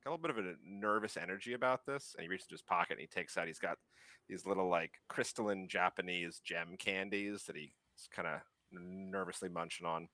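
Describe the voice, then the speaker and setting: Bright-voiced male game master. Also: sits low, a little fast, no echo. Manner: loose, laughing, filler-heavy narration. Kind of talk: narrating a tabletop game.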